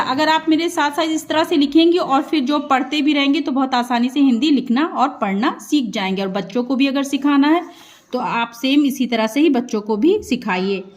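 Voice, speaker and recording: Woman teacher, high voice, slow and deliberate, sounds out syllables for learners to write down. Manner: sounds out syllables slowly and drawn out, then repeats the whole word. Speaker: Hindi teacher. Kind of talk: slow dictation-style lesson.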